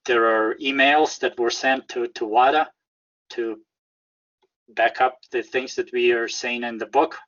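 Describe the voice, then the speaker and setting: A man with a Russian accent speaks in a dull, lo-fi recording. He answers as an interview guest, carefully and haltingly, often restarting his phrases at an ordinary male pitch. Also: steady tone, fairly bright tone. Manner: halting, careful, repeating words as they search for phrasing. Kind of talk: conversational interview.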